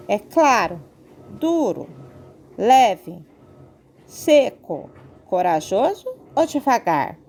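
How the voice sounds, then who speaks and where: In an online class for kids, a woman teaches Portuguese grammar with patience, stopping often to check on the children. She has a Brazilian Portuguese accent and a mid-range voice with a darkish tone.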